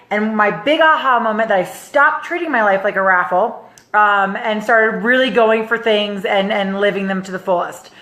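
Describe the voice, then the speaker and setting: Young woman life coach, lively vlog storyteller, a bit high, roomy echo. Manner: animated, chatty, acts out others' voices. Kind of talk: casual storytelling to camera. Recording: echoey room.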